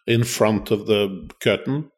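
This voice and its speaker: A man's voice: lowish voice, slow. Chatty man telling travel stories. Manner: animated storyteller, acts out voices in quotes. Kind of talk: casual storytelling chat.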